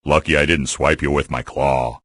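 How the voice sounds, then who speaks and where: A man's voice: extremely low pitch, steady tone, moderate pace, fairly bright tone, no echo, clean studio sound. A man voicing Harley, a big, lazy, good-natured male grizzly bear in a game, talking in a folksy drawl with jokey asides. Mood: folksy grumbling. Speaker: game character voice. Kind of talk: game voice lines.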